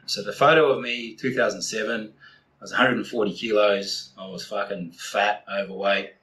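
Forties New Zealand man, lowish bright voice, blunt and sweary podcast guest telling it straight. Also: fairly even intonation, moderate pace, low-quality recording. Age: 40s. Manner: blunt, heavy swearing, candid storytelling. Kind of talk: casual podcast interview.

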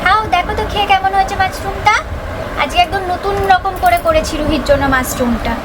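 Very high-voiced doting Bengali mom vlogger. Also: female voice, a little fast, heavy background noise. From West Bengal, India. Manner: chatty, doting baby talk to a toddler. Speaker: vlogger, mother. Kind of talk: casual vlog narration. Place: outdoor home courtyard. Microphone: wireless lapel mic.

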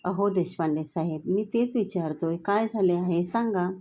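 A woman reading a storybook voice for an angry, demanding middle-aged father of the groom who shouts his threats. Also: lowish voice, moderate pace, slight background noise, lightly acted. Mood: impatient.

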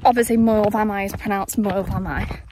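A woman's voice: medium pitch, fairly even intonation, fast. A young woman vlogging casually on a handheld camera, chatty and bubbly, sometimes dropping into a whisper. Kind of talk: casual vlog chat. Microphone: handheld camera or phone. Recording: noisy handheld recording.

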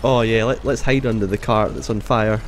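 A man giving sweary let's play commentary, reacting loudly to the game. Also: lowish voice, fairly even intonation, a little fast, noisy background. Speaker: gaming YouTuber. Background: game music.

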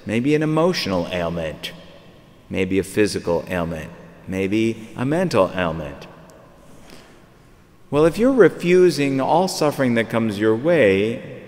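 A man's voice: fairly low pitch, sing-song, a little slow, pauses often, a little mellow. A man in his fifties preaching a sermon from a pulpit, talking conversationally and repeating phrases as he searches for words. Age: 50s. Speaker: priest. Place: large church, at a pulpit. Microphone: far camera. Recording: long church reverb.

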